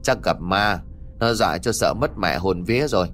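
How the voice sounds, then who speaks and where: Audio story: a man playing a loud, scolding old village exorcist with a lively voice. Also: deep voice, normal speed, a little hiss or hum, voice pushed down. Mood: chanting calling. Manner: barking orders, scolding.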